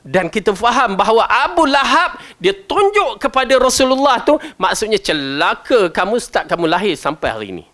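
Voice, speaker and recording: A man with a Malaysian Malay accent teaching a Quran commentary lesson, chatty and animated, often asking his listeners questions. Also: normal speed, hardly any pauses. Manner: animated, jumps between loud stresses and low asides. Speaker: religious teacher.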